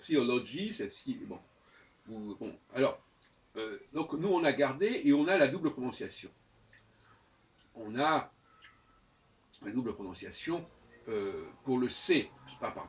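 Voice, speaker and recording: A man giving an unscripted spoken lecture, hesitant, often restarting phrases and slowly spelling letters out. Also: mid-range voice, recorded from a distance. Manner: hesitant, restarts phrases, frequent "euh" and "hein". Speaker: speaker of his own channel.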